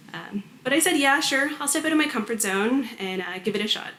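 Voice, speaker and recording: In an echoey hall before hundreds of students, a Canadian graduate student gives a prepared orientation speech with light humor. Her voice is medium in pitch and a bit bright.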